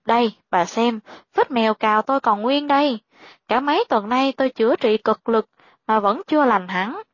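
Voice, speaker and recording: A woman voicing a sly, pushy old male sorcerer in a spoken storybook, in a flat, matter-of-fact delivery. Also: fairly high pitch, normal speed, no room sound, dull audio, lightly acted. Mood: insistent.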